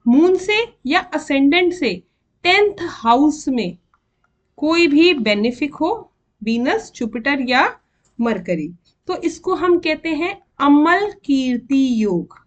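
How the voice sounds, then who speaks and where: A woman with an Indian accent teaching astrology in a slow, deliberate way, counting out and repeating terms as she explains. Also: high voice, animated. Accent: Indian English mixed with Hindi. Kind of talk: explanatory lesson.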